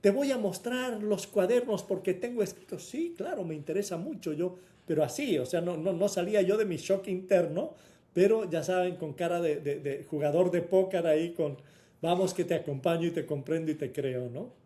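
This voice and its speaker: A man's voice: sits high, normal speed, warm tone. A man sharing a personal faith testimony in an earnest way, with hesitations and restarts, acting out remembered dialogue.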